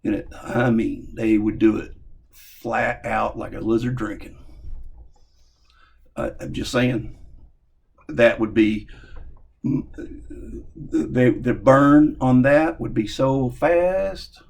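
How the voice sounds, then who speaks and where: Southern us guy just talking opinions to camera, raspy and creaky, folksy, kinda halting, repeats himself. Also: mid-range voice, darkish tone. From Southern United States. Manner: halting, repetitive, informal, folksy. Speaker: amateur video commentator. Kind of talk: casual opinion monologue to viewers.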